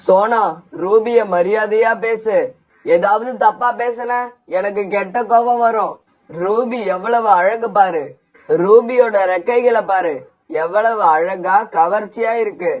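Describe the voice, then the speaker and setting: A cold father sparrow in a cartoon, voiced by a man, curt and dismissive toward his family. The voice sits high for a man. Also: slow. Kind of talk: cartoon voice acting.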